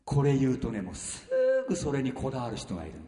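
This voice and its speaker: A man's voice: mid-range voice, expressive, fast, dark tone. A man preaching a sermon as pastor, bluntly firing rhetorical questions at the congregation. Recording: echoey hall, mic far off.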